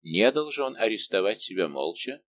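Male reader voicing a haughty young king: imperious, indignant, low-pitched audiobook read. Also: sing-song, normal speed, a bit bright, a little hiss or hum. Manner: commanding, indignant questioning. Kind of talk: audiobook reading.

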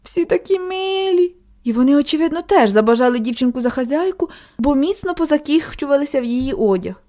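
Expressive woman reading a kids' book, bouncy and a bit high. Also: fast talker. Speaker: audiobook narrator. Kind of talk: storybook narration.

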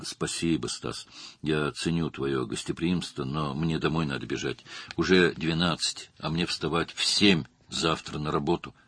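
A man voicing a calm probing police detective. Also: rumbling low, breathy edge, dry recording, exaggerated voice. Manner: measured and probing.

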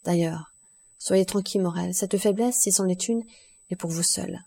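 A woman voicing a grave, fatalistic nobleman count who speaks calmly and with resignation, in an audiobook. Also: lowish voice, gravelly, slightly rough. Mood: resigned. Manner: calm, measured, resigned.

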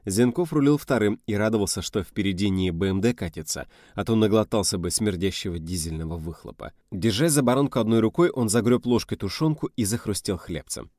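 A man narrating an audiobook in a steady, even storytelling manner. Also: lowish voice, brisk, hardly any pauses, no room sound, studio quality.

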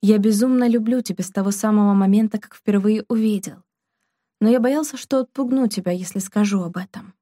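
Woman reading a protective nobleman in love, slow, ardent, mellow delivery. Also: medium pitch, dry recording, studio quality, close to an everyday voice. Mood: passionate. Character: passionate aristocratic man, protective lover.

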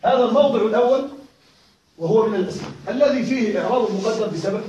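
High-voiced male teacher in echoey room. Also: racing, muffled recording, noisy background. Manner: drills rules by repetition, often checks students follow. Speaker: Arabic grammar teacher. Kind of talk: classroom grammar lesson. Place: classroom with students. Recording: echoey room, mic far off.

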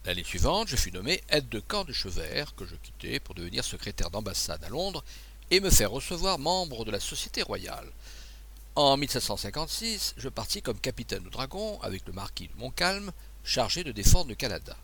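A self-assured naval officer who talks briskly and teases his friend, as a male reader plays him, in a gravelly, lively voice. A storybook gentleman, sure of himself. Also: medium pitch, slight background noise. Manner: confident, brisk, teasing.

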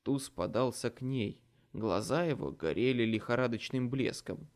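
A man's voice: medium pitch, moderate pace. A man reading a first-person fantasy audiobook with dramatic storytelling. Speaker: audiobook narrator.

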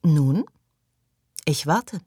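Woman reader plays a brazen flirt, teasing and direct, in a dry, close audiobook read; fairly low voice lifted higher for the part. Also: lively intonation, extremely slow, warm tone, breathy edge, no room sound, heavily acted. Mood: insistent. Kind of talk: audiobook reading.

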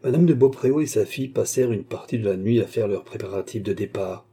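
A man reading a classic novel aloud as an audiobook narrator, in a measured, even way. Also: on the low side, slightly rough.

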